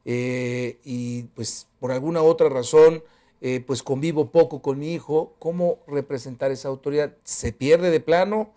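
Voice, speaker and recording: A man's voice: medium pitch, measured pace, mellow. A man hosting a TV talk show, asking questions casually with frequent fillers. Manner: conversational, frequent fillers like "este".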